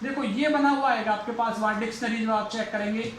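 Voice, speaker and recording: A male English lecturer giving a phonetics lesson for exam students, who repeats each example word slowly several times. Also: extremely high pitch, steady tone, fairly bright tone. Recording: echoey room, faint background noise.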